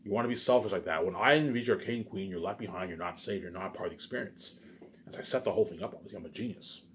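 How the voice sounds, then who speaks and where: A video maker speaks to viewers in a fast, low male voice, rambling informally while bragging and pressing his points, frequently circling back to repeat himself. There's a bit of background noise.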